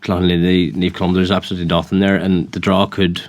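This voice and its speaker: A man's voice: low-pitched, level tone, fast. A man giving his views as a pundit in a casual sports chat. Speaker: podcast pundit.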